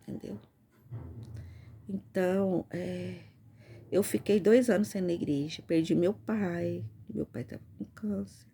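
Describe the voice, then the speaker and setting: A woman's voice: fairly low pitch, steady tone, measured pace, gravelly, dark tone, slight background noise. A Brazilian woman earnestly sharing a religious testimony in casual speech, often turning to her listeners. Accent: Brazilian Portuguese. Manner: earnest, repetitive, addresses listeners as "gente". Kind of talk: informal spoken testimony.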